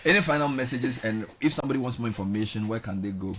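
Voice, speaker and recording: A man in his forties with a Ghanaian English accent, hosting a breakfast radio show with playful, teasing banter and quick laughs. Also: medium pitch, a bit bright, slight background noise. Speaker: radio host. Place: radio studio.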